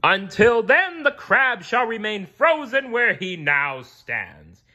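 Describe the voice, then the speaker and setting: A man voicing King Neptune, booming and stern. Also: sing-song, slow, highs cut off, full character voice. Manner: loud, commanding, stern. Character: booming stern sea king, short-tempered.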